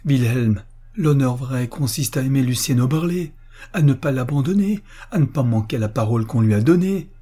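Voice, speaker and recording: A man's voice: medium pitch, animated, normal speed, mellow, voice pushed up, lightly acted. A man reading an audiobook, voicing a young woman who pleads passionately with her lover. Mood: pleading. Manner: impassioned, pleading.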